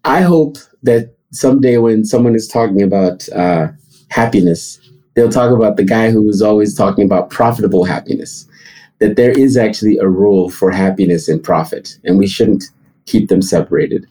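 A middle-aged man from Nigeria talks as an interview guest. His voice is mellow and a little husky, and his storytelling climbs high whenever he stresses a point. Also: moderate pace, rough recording. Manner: animated storytelling, rising high for emphasis. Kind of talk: interview answers.

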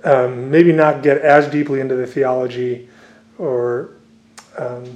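A man whose first language was Dutch, a visiting scholar and author, gives long answers to interview questions, full of fillers and restarts. His mid-range voice is flat, unhurried, and a little mellow.

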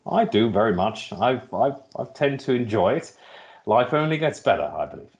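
Very animated and speaking at a normal speed, this mid-range-voiced man is a middle-aged Finnish logistics executive guesting on a podcast. He answers questions in a Finnish accent, pausing and repeating words as he works out what to say.

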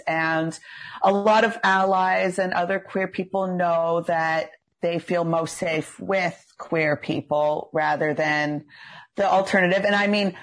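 A young adult esthetician from Cape Breton with a Canadian accent, chatting casually as an interview guest in a female-sounding voice. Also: medium pitch. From Cape Breton, Nova Scotia, Canada. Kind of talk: casual chat.

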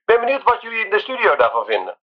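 A man's voice: high voice, huge pitch swings, fast talker, muffled recording. A man leaving an upbeat, chatty voicemail for a colleague, played back from a phone. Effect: leaving a voicemail, heard played back.

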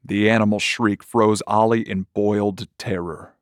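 A man narrating a horror short story in a measured, gritty storytelling manner. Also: on the low side, level tone, no room sound, studio quality.

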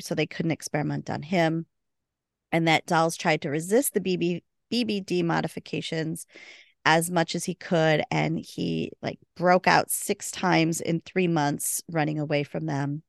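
A woman co-hosting a podcast, casually recapping a TV episode and acting out the characters' lines with big jumps in pitch. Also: creaky, dry recording, clean studio sound.

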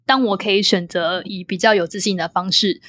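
A woman's voice: mid-range voice, steady tone, fairly quick, a bit bright, no echo. A young adult woman from Taiwan with a Taiwanese Mandarin accent, chatting reflectively and casually, dropping in occasional English words.

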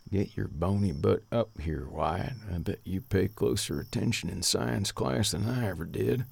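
A man voicing Maddox, a sly, easygoing young male drifter, in a raspy, gravelly voice. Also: low voice, moderate pace, a little mellow, dry recording, pitched above the performer's own voice, exaggerated voice. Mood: wry.

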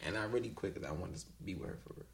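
A man of about thirty chats bluntly as a podcast guest, using slangy, profane, bro-like talk. His voice is low and gravelly, and he speaks very fast.

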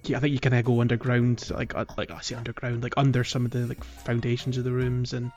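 With a fast, monotone delivery and a medium, somewhat mellow voice, a man co-hosting a podcast chats loosely and hesitantly about a video game. Music plays behind the dull lo-fi sound.

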